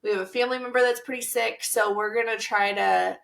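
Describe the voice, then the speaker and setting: A woman's voice: on the high side, fairly even intonation, a little fast, vocal fry, fairly bright tone. A woman co-hosting a podcast in casual chat, upbeat and playful, leading the talk. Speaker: podcast co-host.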